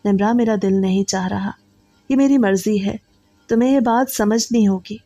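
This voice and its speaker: Woman reading a curt young husband, defensive, irritable, snapping back, mellow tone, storybook narration. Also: medium pitch, faint music behind, natural voice. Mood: stubborn. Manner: curt, dismissive, raises voice.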